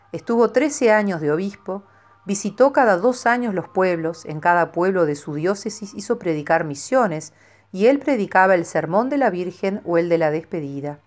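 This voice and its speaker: A woman calmly reading a scripted devotional life of a saint in a measured way. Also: on the low side. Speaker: narrator.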